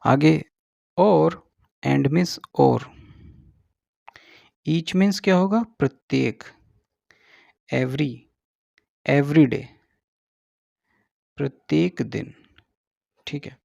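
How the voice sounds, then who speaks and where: Male English teacher, slow and deliberate, gravelly voice, dry and slightly dull recording. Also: fairly high pitch, a little mellow, no echo. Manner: slow, drawn-out English words, repeats with "ठीक है". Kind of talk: slow explanatory lesson.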